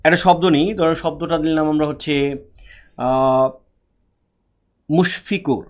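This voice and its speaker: A man teaches an online class, and his voice sits fairly high for a man. He walks through words syllable by syllable, repeating his own questions and then answering them. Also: a little slow. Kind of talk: online lecture on Bengali prosody.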